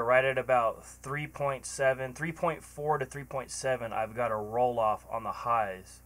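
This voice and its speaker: Here a man's fairly bright, mid-range voice drifts through a relaxed tutorial on home recording with an inexpensive microphone, stopping and restarting with plenty of ums. It's recorded in a home room, computer running, door left open.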